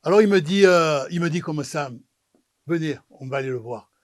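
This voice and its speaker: A man spins a comic yarn about his own life, his voice sitting noticeably high for a man. He throws himself into the dialogue and acts out each character as the story unfolds. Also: moderate pace. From Marseille, France. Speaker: pizza maker telling his story.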